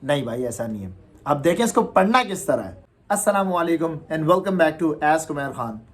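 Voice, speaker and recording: A man giving a casual video lesson on English pronunciation, mixing Urdu and English and repeating words slowly for drilling. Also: fairly high pitch, very animated, husky. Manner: slow, drawn-out demonstration of words.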